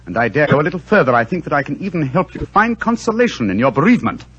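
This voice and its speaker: An actor playing Sherlock Holmes, a brisk and assured detective, in a 1940s radio drama. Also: male voice, on the high side, very animated, muffled recording, very noisy. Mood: commanding. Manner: crisp, commanding, theatrical.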